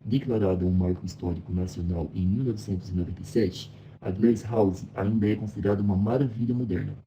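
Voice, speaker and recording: A young Brazilian man speaking as a well-known American modernist architect, reading a scripted first-person biography in a measured, reflective way for a class project. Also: fairly low pitch, steady tone, warm tone, lo-fi sound, slight background noise, natural voice. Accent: Brazilian Portuguese. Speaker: architecture student.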